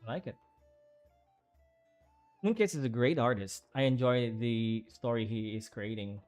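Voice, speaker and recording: A man's voice: mid-range voice, measured pace, darkish tone, soft background music. A man who is an artist, chatting casually on a livestream while he draws and rambling with lots of fillers and restarts. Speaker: artist streaming while drawing.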